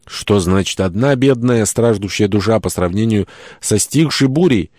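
A man's voice: on the low side, lively intonation, moderate pace, darkish tone, no echo, studio quality. A man reading an audiobook, voicing a sanctimonious man who declaims a short speech. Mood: preachy.

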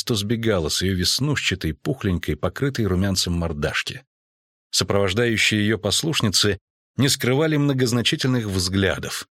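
A man narrating a fantasy audiobook in a measured, even way. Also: lowish voice, no room sound, studio quality. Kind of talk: scripted narration.

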